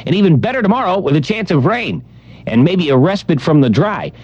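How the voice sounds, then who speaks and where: Peppy guy doing morning radio patter, lively sing-song delivery, slightly husky, old radio sound. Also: high-pitched, a little fast, lo-fi sound. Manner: upbeat, jokey, rattles off times and scores.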